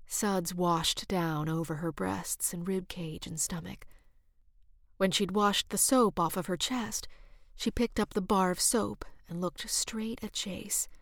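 A woman narrating an audiobook romance in a soft, intimate voice that drops to hushed whispers. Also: on the low side, dry recording, studio quality. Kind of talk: scripted narration.

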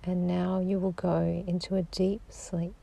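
A woman leads a guided sleep meditation, speaking slowly and soothingly and often sinking into a whisper. Her low voice is mellow and even, with a gravelly edge. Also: a little hiss or hum. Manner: slow, soothing, drifting into whispers.

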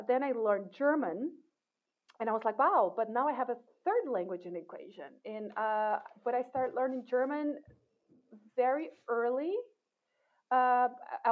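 A woman researcher being interviewed, talking thoughtfully with frequent restarts. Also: a little high. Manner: thoughtful, with many restarts and fillers. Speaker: guest, cognitive science researcher. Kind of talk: casual interview talk. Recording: tinny phone-like call audio.

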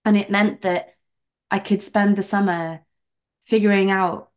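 A woman's voice: medium pitch, unhurried. Chatty young woman telling a story. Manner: chatty, animated storytelling with many "like" fillers. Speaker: podcast guest. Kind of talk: casual interview chat.

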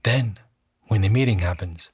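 Male meditation guide: hushed and very breathy, lowish pitch, calm, soothing delivery, close dry sound. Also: moderate pace, no echo. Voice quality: soft, breathy, husky.

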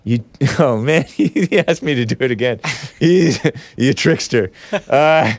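A nasal-voiced man hosts a casual, opinionated talk show, rambling, laughing often, and chatting with the live chat. His medium-pitched voice is animated and slow, with no room sound.

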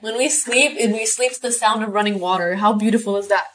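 A woman's voice: medium pitch, quick pace, a bit bright. A woman chatting informally and unscripted as a podcast co-host in a living room at home. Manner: chatty, informal, peppered with "like" and "you guys". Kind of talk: casual unscripted podcast chat.

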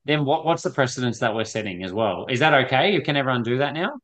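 A man's voice: mid-range voice, lively intonation, quick pace, a bit bright. A man talking casually about sport as a podcast co-host.

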